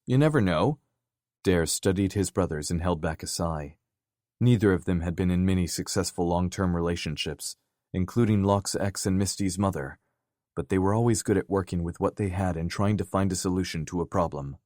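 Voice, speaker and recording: A man narrates a romance novel in a very deep, measured voice. The recording is dry and close-miked, with no room sound. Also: fairly even intonation, darkish tone, dry recording. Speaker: audiobook narrator. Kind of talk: scripted narration.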